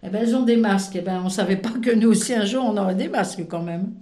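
A woman's voice: medium pitch, fast talker, dark tone, roomy sound. A woman presenting films on the radio in a playful, chatty, teasing way. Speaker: radio film columnist. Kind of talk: casual radio chat.

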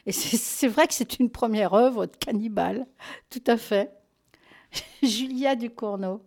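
This woman hosts a casual, radio-style chat about new film releases, warm and affectionate toward her listeners, with lots of fillers and frequent self-corrections. Her voice is slightly high and a bit dark in tone, and she speaks at an unhurried pace.

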